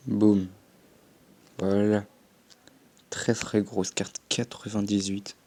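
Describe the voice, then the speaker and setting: Young male gaming YouTuber, husky and low, casual commentary, swears offhandedly. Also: little pitch movement, drawn-out words, dark tone. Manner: chatty, swears offhandedly, punctuates with sound effects.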